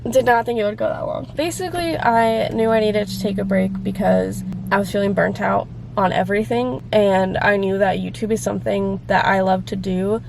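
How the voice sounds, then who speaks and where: A woman's voice: medium pitch, fairly even intonation, normal speed, gravelly, few pauses, noisy background. A woman in her twenties vlogging in a chatty, rambling way, her voice congested and phlegmy from a cold. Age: 20s. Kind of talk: casual chat to camera. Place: car and around town.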